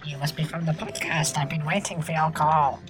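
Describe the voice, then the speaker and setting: A man's voice: a little high, steady tone, fairly quick, over music, voice pushed up, natural voice. A man voicing a scheming, mischievous male elf from the North Pole in a comedy podcast sketch. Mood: sly. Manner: sly and mischievous, relishes sabotage.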